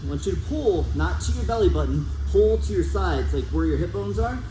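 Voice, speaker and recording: Guy coaching a grappling class, short direct martial arts commands, bit high pitched, roomy echo w noise behind. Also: animated, fast talker. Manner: casual, checks understanding often. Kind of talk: hands-on class instruction, demonstrating moves. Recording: echoey room with clear background noise.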